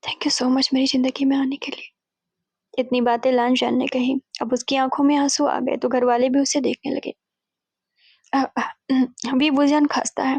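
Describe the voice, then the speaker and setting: A woman's voice: sits high, gravelly, darkish tone, slightly rough, no room sound. A woman casually retelling a fanfiction story, chatty and mixing in English words as she voices the characters' lines. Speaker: fanfiction narrator.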